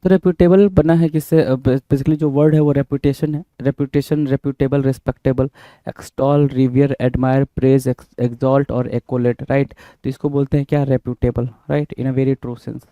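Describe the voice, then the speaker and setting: Man teaching vocabulary, dark voice. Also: mid-range voice, little pitch movement, normal speed, dry recording. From India. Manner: repeats words, spells them out letter by letter; asks the class questions and answers them himself. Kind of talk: bilingual classroom explanation.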